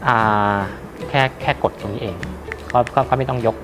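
A man giving an informal product demonstration as a seller, haltingly, with many repeats and hesitations. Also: medium pitch, steady tone, music in the background. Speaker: radio equipment seller.

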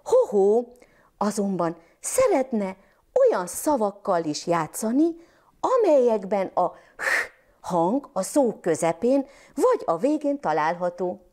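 A Hungarian woman from Transylvania teaching first graders to read, sounding out syllables and letters slowly and clearly. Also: medium pitch, very animated, dark tone. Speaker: primary school teacher.

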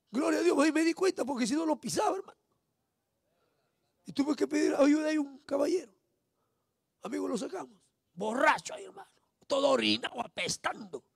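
A man with a Peruvian Spanish accent preaching a fiery evangelistic sermon, shouting and breaking in with praise exclamations over and over. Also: very high voice, creaky, no echo, studio quality. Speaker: street preacher.

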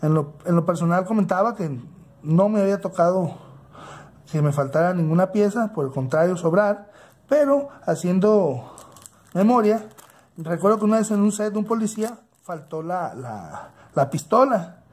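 A man with a Mexican accent narrating a casual hands-on toy unboxing, unhurried and halting as he thinks aloud. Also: sits high, expressive, a little mellow, breathy edge. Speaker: toy unboxing channel host. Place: indoors at a tabletop.

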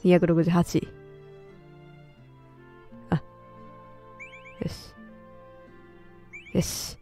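Excitable woman doing game commentary. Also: on the low side, very slow, faint music behind. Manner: excitable, loud, laughs often. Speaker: game streamer. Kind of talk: let's play commentary.

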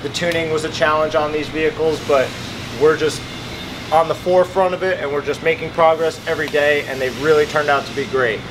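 A man's voice: a little high, steady tone, a little fast. Upbeat man touring a busy workshop. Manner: upbeat, plain-spoken, walking and gesturing. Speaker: shop manager giving a tour. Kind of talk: casual walkthrough vlog. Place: large indoor vehicle workshop. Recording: workshop noise behind.

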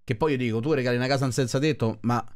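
A man's voice: mid-range voice, very fast, a little mellow. A man giving casual, skeptical commentary on a video, rambling with restarts. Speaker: reaction video host.

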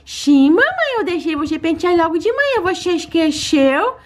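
A woman voices a sweet, eager little girl doll, pitching far above her natural voice into an extremely high register. She sounds very animated while keeping a moderate pace.

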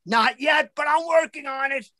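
A man's voice: very high-pitched, normal speed, pushed and bright, no echo, clean studio sound, pitched above the performer's own voice. A man doing a comic impression of his blunt, harsh mother, curt and snapping.

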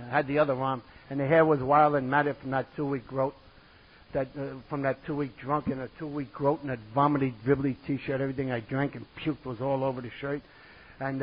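A man's voice: on the high side, breathy edge. A man from New York with a New York accent, giving a comic, self-mocking talk about his past to a conference audience. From New York City. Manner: vivid, self-mocking and theatrical. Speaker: recovery meeting speaker. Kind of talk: comic personal storytelling to an audience. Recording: dull lo-fi conference tape.

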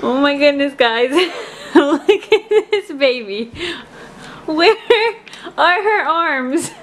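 A young mother vlogs casually at home, giggling often and speaking sweetly to her baby daughter. Her voice is high and a bit bright, animated in tone but delivered very slowly.

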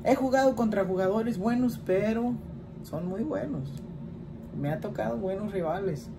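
Noisy background aside, this man in his twenties speaks at a moderate pace with a voice that sits high and a Mexican Spanish accent. He's chatting in a home vlog, rambling through answers to questions and often saying "¿verdad?", in a small indoor room with a plain wall.

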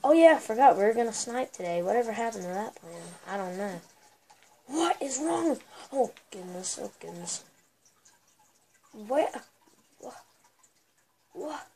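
A woman with a girlish voice giving excitable, trash-talking commentary while playing a shooter game. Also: fairly high pitch, measured pace, pauses often. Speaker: gameplay commentator. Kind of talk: casual gameplay commentary. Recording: noisy recording with steady hiss.

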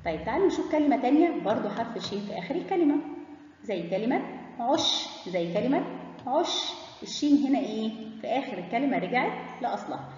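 A woman with an Egyptian Arabic accent teaching kindergarteners, drawing out each letter sound slowly and clearly. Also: fairly high pitch, animated, warm tone. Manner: slow, drawn-out sounding of letters and syllables. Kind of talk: children's phonics lesson. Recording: echoey, muffled room from a distance.

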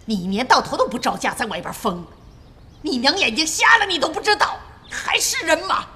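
Give me a scolding blind old mother, voice very high and lively, over drama music. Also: a little fast, slight background noise. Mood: furious. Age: older. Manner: shrill, scolding, wailing. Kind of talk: TV period drama acting. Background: drama score music.

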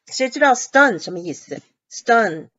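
A woman's voice: high voice, bright, forceful tone, husky. A woman teaching an English reading class, patiently explaining words and phrases and mixing English words into her talk. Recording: dull lo-fi audio.

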